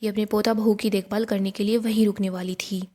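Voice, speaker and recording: A woman's voice: medium pitch, level tone, a little fast, warm tone, lightly acted. A woman voicing a scheming, defiant middle-aged woman politician in a story recap, in an insistent, accusing way.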